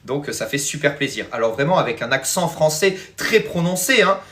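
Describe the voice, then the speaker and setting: A spiritual teacher hosts a live stream, chatting loosely with viewers and replying to their comments; he rambles, uses plenty of fillers and "hein," and greets them as "les amis." His voice is on the high side, expressive, bright and forceful, at a normal speed.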